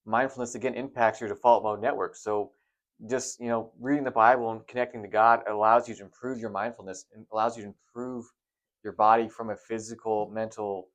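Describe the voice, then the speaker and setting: A man who is a doctor and co-hosts a podcast, explaining things in a relaxed way. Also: fairly low pitch, a little fast. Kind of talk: casual podcast chat.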